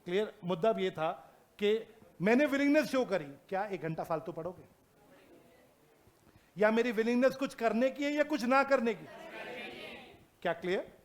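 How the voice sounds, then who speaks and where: A male teacher giving a lively classroom lecture, mixing Hindi and English, asking his students constant questions and reading legal definitions out slowly. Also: sits high.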